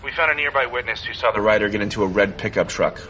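An actor playing a police detective reporting in briskly over a phone on speakerphone. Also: male voice, on the low side, bright, forceful tone, slight background noise, poor audio. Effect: heard over a phone on speakerphone. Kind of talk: TV drama acting.

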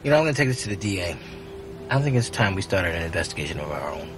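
Animated, fast-talking protective male friend. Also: low-pitched, over music. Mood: serious. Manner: casual, bantering. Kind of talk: naturalistic TV drama acting. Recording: noisy moving car interior.

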